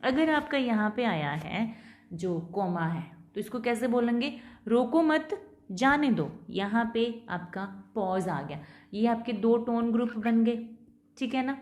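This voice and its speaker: A woman's voice: a little high, lively intonation, darkish tone. Indian woman teacher in an echoey room. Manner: slow, deliberate reading of English definitions, then explaining in Hindi. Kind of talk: lecture mixing Hindi and English.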